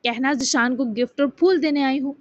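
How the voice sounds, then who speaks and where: A woman voicing an affectionate, teasing grown man, a romantic lead, in a soft, doting manner. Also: high voice, no room sound, close to an everyday voice. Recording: dull dry lo-fi sound.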